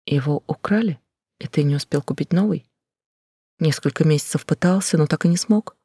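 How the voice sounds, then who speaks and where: A man's voice: fairly high pitch, a little fast, dark tone, slightly rough, dry recording. A man voicing a heartbroken, desperate young woman who pleads in a raised, tearful voice. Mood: hurt desperate.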